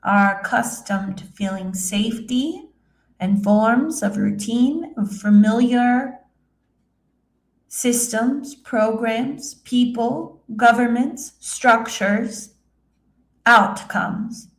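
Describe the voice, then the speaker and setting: A serene female spirit guide voiced by a woman in trance speaks in the manner of a seance medium. The delivery is extremely slow and halting, with measured phrases and small hums, in a roomy, echoing space. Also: fairly high pitch. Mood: serene, solemn. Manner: halting, solemn, measured, with hums and long pauses. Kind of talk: trance channeling, addressing listeners as a spirit.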